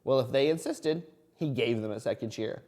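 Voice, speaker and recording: A man's voice: medium pitch, moderate pace, darkish tone. A man teaching kindergarten reading, reading a picture book aloud expressively as if to a toddler and asking simple questions along the way. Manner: asks the listening children simple questions. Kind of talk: animated picture-book read-aloud for young children.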